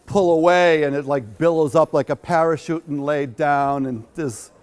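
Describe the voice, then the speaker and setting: A man with a slightly high, clean-toned voice speaks at normal speed as the featured speaker at a quilt show in a hall. His talk is rambling and chatty, full of fillers, and includes questions from the audience.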